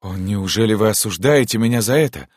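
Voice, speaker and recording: A man's voice: low voice, animated, normal speed, no echo, clean studio sound. A man voicing a lovesick, pleading prince. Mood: bitter. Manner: pleading, emotional. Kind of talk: audiobook character reading.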